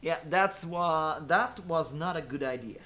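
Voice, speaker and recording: Brief: a casual male streamer, unhurried and a bit high, self-deprecating with lots of fillers. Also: bright, forceful tone. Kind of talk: casual live-stream chat.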